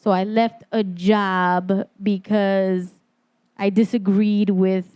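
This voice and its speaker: A woman's voice: medium pitch, little pitch movement, slow pace, a little mellow, clear, resonant tone, dry recording. A woman around forty hosting a casual podcast chat, telling stories with laughs and animation. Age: 40s. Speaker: podcast host.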